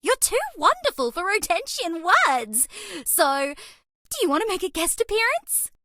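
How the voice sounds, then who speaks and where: Brie, high bright excitable alien girl. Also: moderate pace, dry recording, studio quality, heavily acted. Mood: affectionate. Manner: bubbly, playful, dramatic, swinging from exclaiming to coy. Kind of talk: animated game character voice lines.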